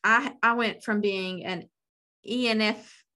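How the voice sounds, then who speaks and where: A woman's voice: medium pitch, steady tone, slow, sharp tone. A woman co-hosting a podcast in casual conversation, with a blunt, wry way of talking. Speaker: podcast co-host. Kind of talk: casual chat.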